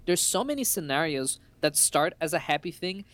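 A man's voice: fairly high pitch, moderate pace. A man co-hosting a casual podcast chat about games, telling stories with lots of laughter and acted-out quotes. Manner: animated storyteller, acts out quotes, laughs often. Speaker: podcast co-host.

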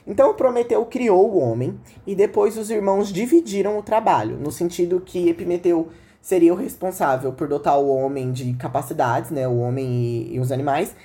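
A woman with a Brazilian accent tells stories as a podcast host in a fairly low, soft-edged, dark voice. She sounds sick, with the altered voice of an inflamed throat. Her delivery is informal and chatty, addressed directly to her listeners. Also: moderate pace. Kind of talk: casual storytelling monologue.

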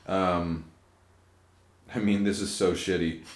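A man's voice: low-pitched, fairly even intonation, takes it slowly. A man co-hosting a podcast in playful, teasing, swearing casual chat. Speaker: podcast co-host. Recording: echoey room.

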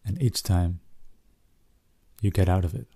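Deep, mellow man guiding soothing relaxation. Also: a little slow, slightly rough, no room sound. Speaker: guide of a relaxation recording. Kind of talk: soothing guided relaxation narration, like a sleep story narrator.

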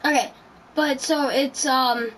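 A woman's voice: high-pitched, fairly even intonation, slow pace, fairly bright tone, slight background noise, low-quality recording. A woman hosting a casual podcast chat, rambling through her story with lots of ums and likes. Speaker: podcast host.

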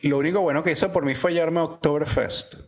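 Relaxed man telling stories. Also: fairly high pitch, fast. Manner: relaxed, slangy storytelling with frequent restarts. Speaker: podcast co-host. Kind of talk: casual chat.

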